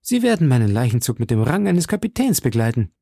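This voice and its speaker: A man's voice: mid-range voice, sing-song, quick pace, creaky, mellow, no echo. A man reading an audiobook, voicing a captive noblewoman who pleads fervently and passionately. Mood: pleading. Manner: impassioned, pleading.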